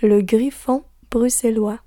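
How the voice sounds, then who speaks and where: A woman slowly reading out a long list, softly, and slipping into whispered asides. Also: fairly high pitch, fairly even intonation, no echo, clean studio sound. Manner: soft, slow, drops to a whisper for asides.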